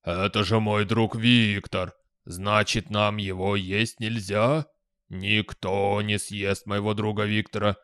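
A man voicing a huge, good-natured male troll who is proud of his manners, speaking in a slow, booming drawl. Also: level tone, fairly bright tone, clear, resonant tone, no room sound, clean studio sound. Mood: booming, friendly. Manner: slow, booming, drawn-out speech. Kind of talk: audiobook character voice.

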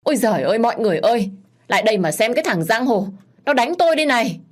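A woman reading a story, voicing a spiteful elderly female noodle-seller who scolds in a shrill, scornful manner. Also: animated, rapid-fire. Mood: wailing.

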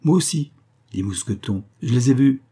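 A man's voice: mid-range voice, expressive, normal speed, dark tone, slightly rough, voice pushed up. A man voicing a worried male manservant who grumbles and talks cautiously. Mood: grumbling.

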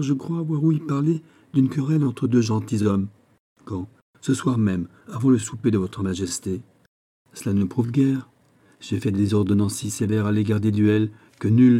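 A man reading a classic novel aloud as an audiobook narrator, shading the dialogue with small shifts of pitch and level but no full character voices. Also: warm tone.

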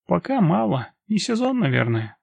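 A man voicing a sharp young female bodyguard who plays coy and playful, in an audiobook reading. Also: high voice, big pitch swings, moderate pace, creaky, breathy edge, no echo, pitched above the performer's own voice, heavily acted. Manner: coquettish, playful.

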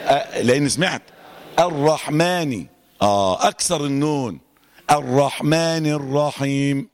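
A middle-aged man with an Egyptian accent teaching Quran recitation to a class in a lively, joking manner, stretching out letters slowly to demonstrate them. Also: mid-range voice. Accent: Egyptian Arabic. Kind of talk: live tajweed lesson to a class.

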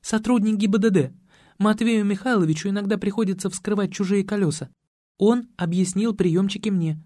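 Мужчина, озвучивающий болтливую пугливую молодую женщину, которая щебечет и хнычет. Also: male voice, sits high, fairly quick, warm tone, dry recording, clean studio sound, voice pushed up, close to an everyday voice. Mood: chattering. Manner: chirping, whiny, pleading. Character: young woman, chattering, jumpy and gossipy.

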